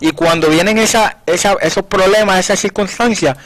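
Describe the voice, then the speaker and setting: Through poor audio, a man with a fairly high, slightly bright voice teaches from the Bible at a moderate pace on a radio Bible program. He's earnest and conversational, turning scripture scenes into quoted dialogue and restarting phrases often as he works through a point.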